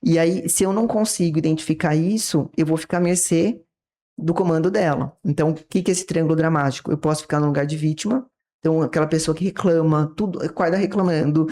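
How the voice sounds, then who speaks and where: As a psychiatrist guest in an interview, a Brazilian Portuguese–accented woman talks fast in a low-pitched, mellow voice with a steady tone. She teaches her ideas didactically, performing little example dialogues.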